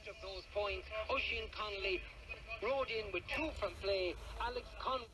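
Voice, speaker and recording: High-pitched male commentator faint through a pocket radio, crowd roaring. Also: normal speed. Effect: heard through a small transistor radio speaker. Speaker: sports commentator. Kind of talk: live sports commentary. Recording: faint broadcast with crowd noise, picked up from a distance.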